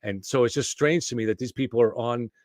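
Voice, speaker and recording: A man's voice: mid-range voice, brisk, darkish tone, no room sound, studio quality. A man hosting an online show, giving casual live commentary on news clips.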